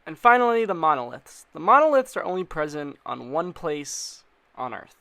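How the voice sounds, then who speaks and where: A man narrates an explainer video in a slightly high voice that's sing-song, creaky, pushed and bright, at a normal speed. He keeps it informal and chatty, slipping in slang and playful asides.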